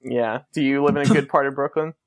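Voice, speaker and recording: A man's voice: medium pitch, steady tone, fast talker, smooth, no room sound. A man hosting a call-in talk show, chatting casually in a hesitant, rambling way.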